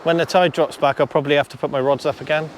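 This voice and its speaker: A man's voice: a little high, fairly even intonation, rapid-fire. Male angler vlogger, casual and mumbly, outdoors with crashing surf. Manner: chatty, mutters to himself, swears casually. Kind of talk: casual outdoor fishing vlog. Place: shingle beach by the sea, outdoors. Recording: surf noise behind.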